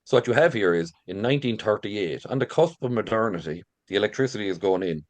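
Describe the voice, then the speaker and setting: Irish man, middle-aged, deep voice, lilting informal storyteller delivery, very dry sound. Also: animated, fast talker, dry recording. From rural Ireland. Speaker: visitor centre manager and local folklore storyteller.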